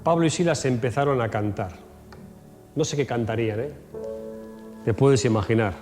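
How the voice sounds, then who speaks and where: Lively storytelling pastor in a church hall. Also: male voice, mid-range voice, normal speed. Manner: acts out Bible scenes in quoted voices, shouts and laughs. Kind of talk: storytelling sermon. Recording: echoey church hall with faint music.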